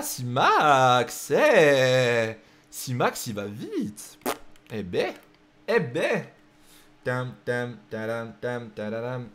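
A young man streaming live, chatting casually with his viewers and joking while he sets up racing games. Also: mid-range voice. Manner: joking, chatty, thinks aloud while setting up races. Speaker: streamer hosting a racing game night.

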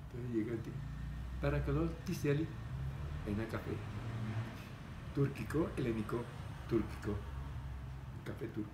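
An older man with a mid-range voice tells a story in casual conversation, speaking at normal speed with long pauses. He is animated, gestures a lot, and acts out the people in his tale while seated at a table in a room with framed pictures. The recording is echoey, with background noise.

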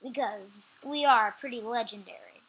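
A woman's voice: a little high, a bit bright, breathy edge, rough recording. Chatty young-sounding woman gamer. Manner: chatty, quick to agree, trails off mid-sentence. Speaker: gameplay channel co-host. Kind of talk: casual gameplay chat. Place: at home playing on a computer.

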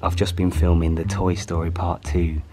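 Laid-back deep-voiced man touring his house. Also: level tone, moderate pace, music in the background. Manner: chatty, laid-back, jokey asides. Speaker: YouTuber giving a house tour. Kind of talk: casual house tour vlog. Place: inside a house, moving from room to room.

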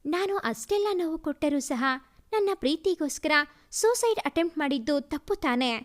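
A woman voicing a remorseful young husband who apologizes softly. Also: high-pitched, expressive, moderate pace. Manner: soft, apologetic.

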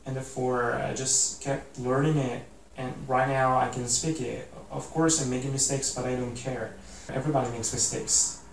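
This Italian man in his twenties speaks at a normal speed in a level, mid-range voice with vocal fry, barely pausing. Sitting in an armchair indoors, he vlogs an earnest, casual pep talk to camera, rambling with lots of "like"s and false starts, picked up by a distant camera mic with roomy echo and light hiss.

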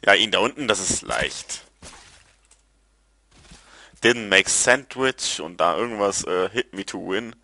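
A man giving casual gameplay commentary, excitable and quick to curse, yelping at his failures. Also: fairly low pitch. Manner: excitable, yelps and groans at failures. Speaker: let's player.

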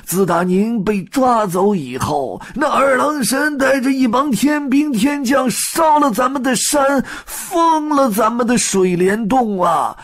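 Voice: medium pitch, expressive, measured pace, few pauses, pitched above the performer's own voice. A storyteller voicing a fawning old male monkey chancellor who wails and pleads. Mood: lamenting. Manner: wailing, pleading.

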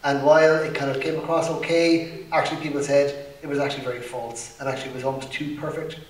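Quick-talking male panelist, roomy hall. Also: a little high, far from the mic. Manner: relaxed, anecdotal, heavy use of "you know" and "kind of". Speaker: bank executive panelist. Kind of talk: conference panel answer.

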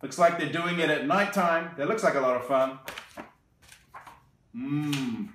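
For a children's storytime, a man in an armchair reads a picture book aloud at an unhurried pace, his fairly high voice playful and expressive, pausing for cheery asides and small laughs between pages. The recording comes from a camera on a tripod a few feet off, so it sounds roomy and a bit distant, with a little hiss or hum.

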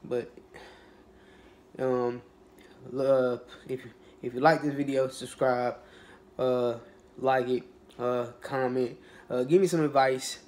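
A young man in a casual mukbang vlog, who rambles in a relaxed, low-energy way with lots of fillers and restarts and has a cold. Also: slow pace, pauses often. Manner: low-energy, laid-back. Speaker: YouTuber.

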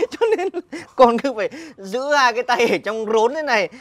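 A woman's voice: fairly high pitch, animated, moderate pace, no echo, natural voice. A woman playing a young pupil who giggles constantly while answering politely and cheekily. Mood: giggly.

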